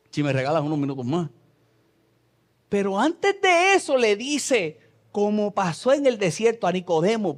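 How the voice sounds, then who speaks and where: A Puerto Rican man preaching a sermon as pastor, reading scripture and swinging between loud passages and soft asides in a church. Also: high voice. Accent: Puerto Rican Spanish. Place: church sanctuary.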